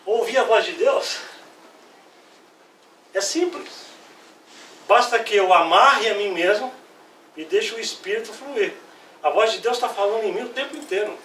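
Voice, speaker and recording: A man preaching with a high, bright voice and a lively delivery, acting out the words of the scripture. He is recorded from a distance in an echoey church hall, and a faint ambience sits behind him. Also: unhurried, long pauses, a little hiss or hum. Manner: lively preaching, acts out Bible quotes. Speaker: pastor. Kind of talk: sermon. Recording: echoey room, voice from far off.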